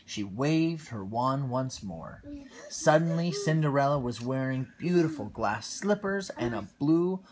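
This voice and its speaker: A man with a mid-range voice reads a bedtime story to his child over a phone livestream. He takes his time, reading expressively and slipping in quiet asides.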